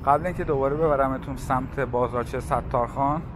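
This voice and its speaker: A walking tour vlogger with a mid-pitched voice chats casually as he strolls through city streets, with clear traffic noise outdoors behind him. In a relaxed, talkative way, he points things out and reads off prices.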